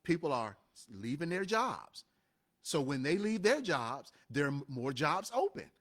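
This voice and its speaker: A man co-hosting a casual motivational talk show tells stories with real emphasis. His voice sits a bit high for a man and swings widely in pitch, so every point he makes lands with energy. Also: measured pace. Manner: animated, emphatic storytelling. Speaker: co-host of a live show and podcast.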